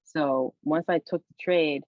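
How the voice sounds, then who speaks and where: A stock trader who hosts a channel gives a loose, rambling weekly recap of his trades, full of fillers, while he has the hiccups. His voice is medium-pitched and steady, a little slow, with no room sound, and the audio is dry and tinny, like a phone.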